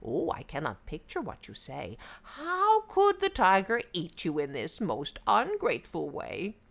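A woman voicing a sly, cackling old male jackal who plays confused, with a high, giggly voice full of laughter. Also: huge pitch swings, measured pace, vocal fry, fairly bright tone, full character voice. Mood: fake-puzzled. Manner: fake-confused, playful, sing-song.

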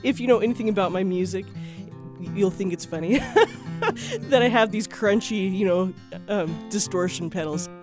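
In a medium-pitched voice at an ordinary speed, a woman pauses often as she recounts a personal tale in her role as guest musician and teacher. She keeps it chatty and self-deprecating, laughing lightly now and then over guitar music.

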